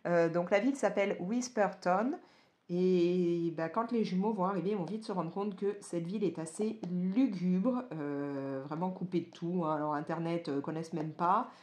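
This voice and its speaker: A young woman with a somewhat low voice talks loosely about a book she just read. She hesitates often, filling gaps with little fillers and restarting her sentences. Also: moderate pace, hardly any pauses, a little mellow. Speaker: vlogger. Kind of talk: casual book review chat.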